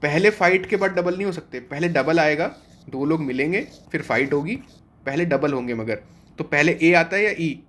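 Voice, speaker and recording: Man teaching vocabulary, slightly high voice. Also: expressive, normal speed, a bit bright. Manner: explains step by step, asks and answers his own questions. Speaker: exam coaching teacher. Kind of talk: online vocabulary class.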